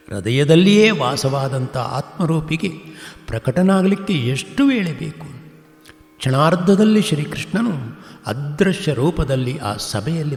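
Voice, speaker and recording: Guy doing a dramatic devotional story talk, echoey hall, soft music under it. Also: mid-range voice. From Karnataka, India. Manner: dramatic, voicing a pleading heroine's prayers. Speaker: pravachana speaker. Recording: roomy reverb with soft music.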